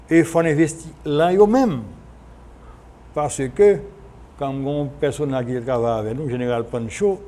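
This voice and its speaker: Male radio guest, Haitian accent, medium pitch, explanatory and halting, noisy archive broadcast sound. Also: warm tone. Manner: explanatory, halting with repetitions and self-corrections. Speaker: guest, former senator. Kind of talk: unscripted radio interview discussion, switching between French and Creole.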